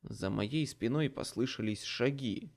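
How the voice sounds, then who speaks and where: A man's voice: medium pitch, unhurried, creaky. A man reading a first-person fantasy audiobook with dramatic storytelling. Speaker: audiobook narrator.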